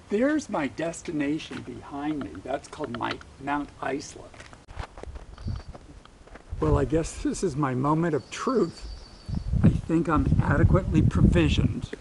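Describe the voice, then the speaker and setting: Slow, gravelly man panting on a trail. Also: on the high side, slight background noise. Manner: thinking aloud while hiking. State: out of breath. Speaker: vlogger. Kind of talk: outdoor hiking vlog narration. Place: outdoors on a mountain trail.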